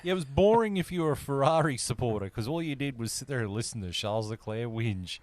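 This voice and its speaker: A man's voice: medium pitch, expressive, fast talker, darkish tone, no room sound. A man hosting a casual podcast, joking and laughing often with his co-hosts. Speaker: podcast host. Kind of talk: casual banter.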